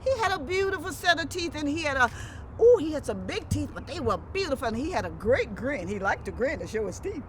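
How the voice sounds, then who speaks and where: A woman storyteller with a Lowcountry Gullah Geechee accent tells a folktale in a high voice. Her delivery is theatrical and very lively, leaning on repeated phrases. There is clear noise around her. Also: brisk. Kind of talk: animated oral folktale telling. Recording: clearly noisy background.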